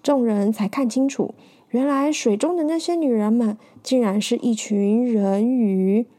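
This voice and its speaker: A woman narrates a storybook tale for listeners in a lively, animated manner. Her voice is high, and she slips in small fillers as she reads. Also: measured pace.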